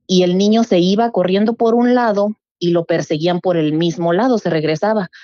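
A middle-aged woman tells a story casually and animatedly, putting on the voices of the people she quotes. Her voice is mellow and warm. The sound is dull and lo-fi, with a dry, close feel. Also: on the low side, a little fast, no echo. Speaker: guest telling a true story.

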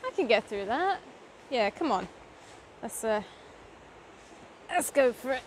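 A woman's voice: fairly high pitch, lively intonation, rough recording. A young woman from Britain vlogging outdoors about waterfall photography in a wooded gorge, chatty and self-deprecating. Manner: chatty, self-deprecating, talks while hiking. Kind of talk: casual on-location vlog and voice-over narration. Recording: outdoor hiss with water noise. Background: rushing stream and waterfall.

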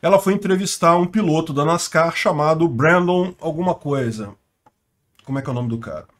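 Chatty Brazilian man, slightly high voice. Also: brisk, fairly bright tone. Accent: Brazilian Portuguese. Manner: chatty, laughs often, slangy. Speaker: channel host. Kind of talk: casual news commentary.

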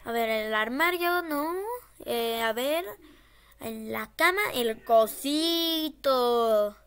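Scared, high-voiced woman streaming a horror game. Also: extremely slow, a bit bright, clear, resonant tone. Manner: scared, nervous, repeats short phrases. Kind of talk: casual gameplay commentary.

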